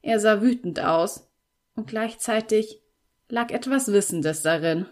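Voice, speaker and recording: A woman narrating a novel in the first person. Her reading is steady and expressive, at a middle pitch for a woman. Scripted audiobook storytelling. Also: unhurried.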